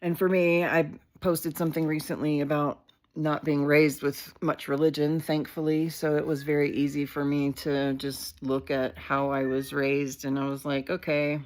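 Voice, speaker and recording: Low-voiced woman talking candidly on a live stream. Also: flat delivery, normal speed, few pauses. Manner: heartfelt, candid, sprinkled with swearing and fillers. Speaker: community leader hosting a live video. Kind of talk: casual livestream talk.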